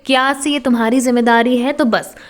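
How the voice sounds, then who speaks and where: A woman's voice: on the high side, fairly even intonation, fairly quick, close to an everyday voice. A woman voicing a defiant young groom who threatens his enemies in a cold, taunting way, read in a storybook. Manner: menacing, taunting.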